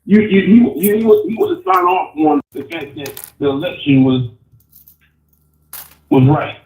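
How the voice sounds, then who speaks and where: A man's voice: fairly high pitch, sing-song, measured pace, a little mellow. A man calling in over an earbud, his voice muffled and hard to make out, stammering through restarts as he gives his blunt opinions. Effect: muffled phone line over an earbud. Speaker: caller. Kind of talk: opinionated call-in rant. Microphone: wireless earbud on a phone call. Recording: muffled, tinny, echoey phone call.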